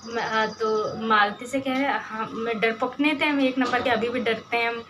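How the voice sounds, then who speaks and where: A woman's voice: a little high, steady tone, normal speed, noisy background. A young woman telling casual stories about her village childhood, rambling and chatty. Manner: rambling, chatty, many fillers and restarts. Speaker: vlogger.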